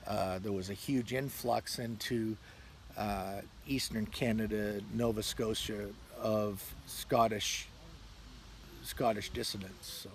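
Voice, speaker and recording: A man giving a thoughtful, halting interview answer with frequent pauses and fillers. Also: lowish voice, a little hiss or hum.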